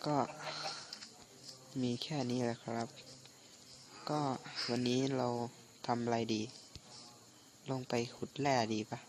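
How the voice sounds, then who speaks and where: Guy mumbling slowly over gameplay, phlegmy sick voice, noisy recording w clicks. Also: mid-range voice, little pitch movement. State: recovering from flu, phlegmy with coughs. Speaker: gaming channel host. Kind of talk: casual gameplay commentary.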